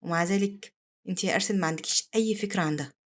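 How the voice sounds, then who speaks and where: A woman voicing a brooding male pirate duke in her Egyptian Arabic accent, with quick, flat delivery. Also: fairly low pitch, close to an everyday voice.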